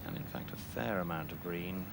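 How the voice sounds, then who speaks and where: A man giving explanatory live golf commentary in a measured, analytical manner. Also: low voice. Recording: clear outdoor background noise.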